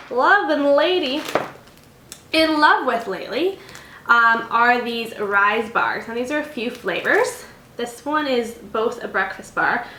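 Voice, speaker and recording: A young beauty and lifestyle vlogger casually reviews snacks on her vlog, rambling and correcting herself. Her voice is on the high side with a sharp tone, recorded in an echoey home room with faint noise.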